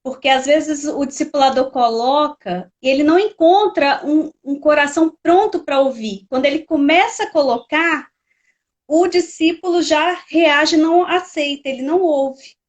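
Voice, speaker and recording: A woman with a high voice acting as a church mentor. She speaks in an affirming way about discipleship. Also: moderate pace. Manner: affirming, says "amém" often.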